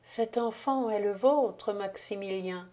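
A woman voicing the ghost of a dead countess in an audiobook, speaking gravely, solemnly and softly. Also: mid-range voice, slow pace, close to an everyday voice. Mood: solemn, hushed. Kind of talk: audiobook reading.

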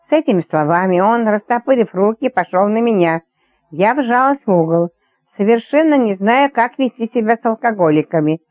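A woman reads a first-person story with wry, brisk storytelling. Her voice is mellow and warm-toned, and the recording is dry and close with no room sound. She keeps an even, middle pitch. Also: no echo. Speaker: audiobook narrator. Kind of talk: scripted first-person narration.

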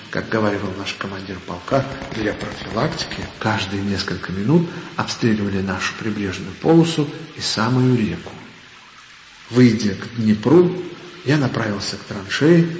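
A man playing an army lieutenant, recounting his war story in measured, expressive first-person narration. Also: lowish voice, natural voice. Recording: dull echoey hall, faint ambient noise.

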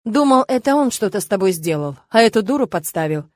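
A woman voicing a gruff, protective middle-aged father who grumbles scornfully in an audiobook. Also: medium pitch, animated, fast talker, darkish tone, no room sound, clean studio sound, close to an everyday voice. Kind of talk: audiobook character voice.

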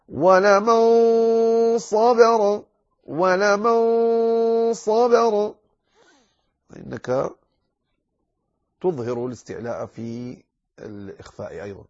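A man's voice: on the high side, breathy edge, muffled recording. Man teaching a recitation lesson. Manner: calm explanation, then slow drawn-out demonstrations. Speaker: tajweed teacher. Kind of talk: religious lesson on Quran recitation.

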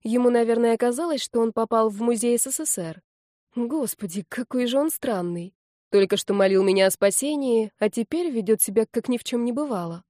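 A woman's voice: on the high side, brisk, warm tone, no room sound. Woman narrating an audiobook, dry sound. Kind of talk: first-person audiobook narration.

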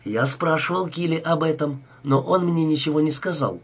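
A man's voice: on the high side, normal speed, breathy edge. A man voicing a nervous, greedy male nightclub owner who sounds anxious and flustered, in an audiobook reading. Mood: uneasy.

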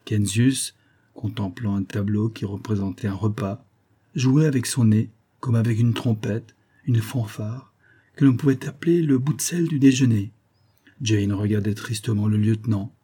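A man narrating a classic novel in a measured storytelling manner. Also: fairly low pitch, dark tone, husky. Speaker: audiobook narrator.

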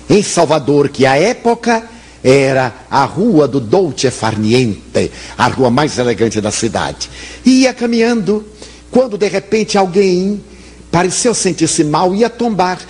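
Husky, animated storyteller man. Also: high-pitched. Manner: animated, acts out dialogue in the story. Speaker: spiritist lecturer. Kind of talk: storytelling talk.

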